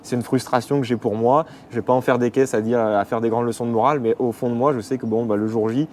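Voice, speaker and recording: A man's voice: medium pitch, steady tone, quick pace, darkish tone, a little hiss or hum. A man in his twenties from the Paris region, a runner speaking as guest in a casual interview, hesitant with many fillers. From Paris region, France. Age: 20s. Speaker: athlete guest.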